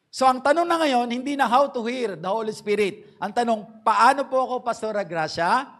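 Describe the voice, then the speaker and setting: A middle-aged man preaching a sermon in church, polite and earnest, slowing down to stress key phrases. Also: very high voice, animated, fairly bright tone. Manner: slows to stress key English phrases, mixes Tagalog and English. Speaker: pastor.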